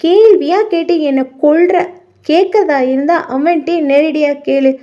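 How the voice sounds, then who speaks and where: A woman voicing an exasperated, henpecked husband with an irritable, quick-tempered manner, on muffled lo-fi audio. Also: high voice, mellow. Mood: irritated. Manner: irritable, then begging.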